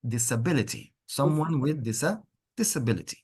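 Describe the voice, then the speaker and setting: Male English teacher, very varied intonation, slightly husky tone, deliberate and repetitive delivery in a pronunciation class. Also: medium pitch, sing-song. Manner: deliberate, repeats words for learners, encouraging. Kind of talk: interactive pronunciation lesson.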